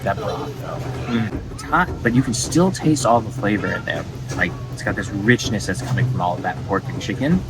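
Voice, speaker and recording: A man's voice: on the low side, lively intonation, normal speed, over music, low-quality recording. A man hosting a food vlog, giving casual, informal and enthusiastic commentary on what he eats. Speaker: food vlogger and host.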